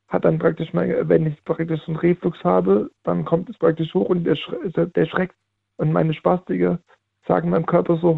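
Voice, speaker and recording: Very gravelly man over the phone. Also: on the high side, no echo. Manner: halting, repeats himself. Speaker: caller. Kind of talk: call-in chat. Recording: tinny phone line.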